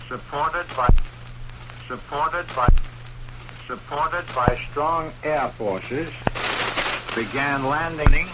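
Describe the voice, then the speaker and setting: A man reading an official communique in a slow, measured, formal way, heard as an old 1940s radio broadcast. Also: a little high. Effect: old 1940s radio broadcast sound. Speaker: radio announcer. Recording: loud hiss on an archival radio recording.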